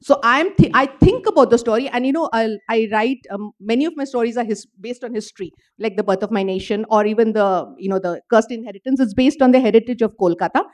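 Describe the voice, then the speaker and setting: At a literature festival panel in an event hall with an audience, a woman author answers questions about her writing process. She explains earnestly, leans on "you know" as a filler, and speaks fast in a voice on the high side, with hardly any pauses.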